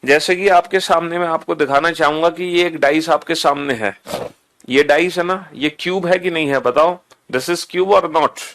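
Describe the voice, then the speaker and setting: Male teacher, slightly high voice, drills students with repeated questions. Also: normal speed, fairly bright tone. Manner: repetitive, quizzing, answers his own questions. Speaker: reasoning teacher. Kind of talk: video lesson for students.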